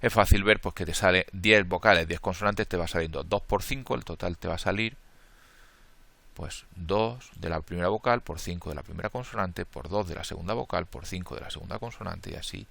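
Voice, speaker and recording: A man's voice: low voice, brisk, vocal fry, bright, forceful tone. A man lecturing through a combinatorics problem step by step, thinking aloud and correcting his own slips in a Spain Spanish accent. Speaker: math lecturer. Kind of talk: worked-problem lecture, counting steps aloud.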